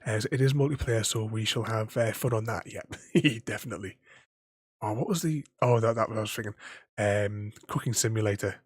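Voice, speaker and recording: A man's voice: fairly low pitch, fairly quick, slightly rough, no room sound, studio quality. A man chatting casually on a gaming livestream. He stutters and repeats words, laughs often and keeps thanking his viewers. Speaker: gaming streamer.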